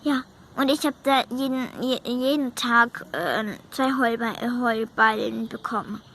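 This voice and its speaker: A woman's voice: on the high side, steady tone, unhurried, a bit bright, slight background noise. A woman voicing a sulky, homesick young horse who complains about hunger. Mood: complaining.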